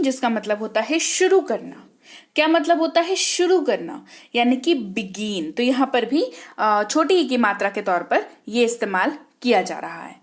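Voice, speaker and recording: A woman teaching an English lesson, spelling words letter by letter, then quizzing the listener with quick questions and repeating each answer. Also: on the high side. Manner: repeats key points with rising question prompts. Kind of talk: online English lesson in Hindi.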